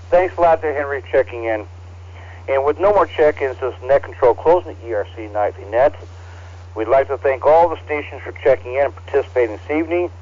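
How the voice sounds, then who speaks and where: A man serves as net control for an evening amateur radio net, his mid-pitched voice coming through a ham radio transceiver. The audio is dull and lo-fi. He reads out call signs in a relaxed, halting way with plenty of fillers. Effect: heard over a ham radio transceiver.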